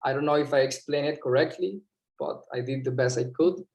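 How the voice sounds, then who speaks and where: A man's voice: medium pitch, fairly quick, a little mellow. Guy, english, giving an impromptu answer on a video call, keeps restarting. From Venezuela. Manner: hesitant, repeats words, searches for English terms.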